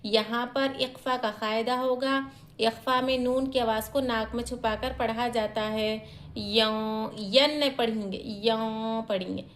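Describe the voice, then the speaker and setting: A woman teaching Quran reading step by step, quickly explaining rules and then sounding out syllables slowly, asking questions and answering them herself. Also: fairly high pitch, fairly even intonation, slight background noise. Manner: alternates quick rule explanations with slow drawn-out syllable reading. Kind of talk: step-by-step recitation lesson.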